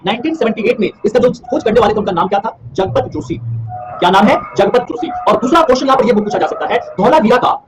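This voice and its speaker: Male teacher with a high voice, lecturing online at a rapid pace, repeats each answer for revision. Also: lively intonation, slight background noise, low-quality recording. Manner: quizzes by asking and answering his own questions; repeats key terms for revision. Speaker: history teacher.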